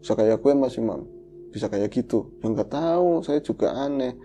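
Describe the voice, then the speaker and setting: A man with a very dark, mellow voice tells a personal ghost story as a podcast guest. He talks loosely and conversationally, scattering fillers through his lively storytelling. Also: mid-range voice, moderate pace, soft background music. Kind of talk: recounting a ghost story in casual chat.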